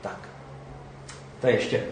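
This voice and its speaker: A man's voice: echoey room, slight background noise. A man preaching a conversational sermon, often checking in with his listeners by asking "jo?".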